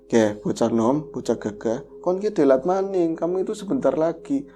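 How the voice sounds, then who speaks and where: A man voicing a mysterious old male spirit, giving slow, clipped warnings. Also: on the high side, expressive, dark tone, slight background noise, lightly acted. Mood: ominous.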